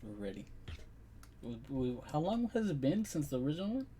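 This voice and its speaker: A man's voice: on the high side, sing-song, a little fast, dark tone, slight background noise. A man co-hosting a live stream, laid-back, giving short agreeing replies and laughing often. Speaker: stream co-host. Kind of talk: casual chat.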